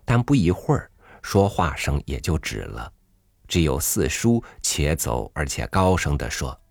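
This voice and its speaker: A man narrating a literary story in a measured, reflective reading. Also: extremely low pitch, big pitch swings, dry recording, clean studio sound.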